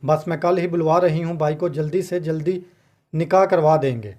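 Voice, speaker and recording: A man's voice: on the high side, moderate pace, darkish tone, highs cut off, lightly acted. A man voicing a harsh, stubborn middle-aged aunt who scolds the family, in a storybook reading. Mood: angry.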